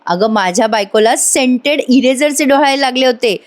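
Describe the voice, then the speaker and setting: A playful young husband from a TV serial teases his wife, voiced plainly by a woman recapping the show. The voice stays fairly high. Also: moderate pace, lightly acted. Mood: teasing.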